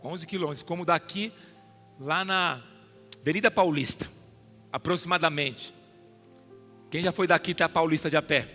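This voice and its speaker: A Brazilian pastor with a Brazilian Portuguese accent preaching a sermon to a congregation, questioning listeners by name and building to loud emphatic peaks. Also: male voice, fairly high pitch, normal speed, pauses often, faint music behind. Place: church hall.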